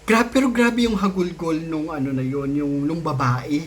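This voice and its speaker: A man's voice: on the high side, moderate pace, slight background noise. Chatty man telling a ghost story. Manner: chatty, mixes Tagalog and English, many restarts and fillers. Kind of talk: casual storytelling to camera.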